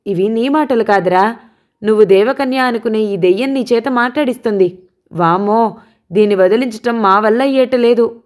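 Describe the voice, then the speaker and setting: A woman voicing a scornful older mother who shouts, taunts and wails at her son's lover, in an audiobook. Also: medium pitch, lightly acted. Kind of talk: audiobook character voice.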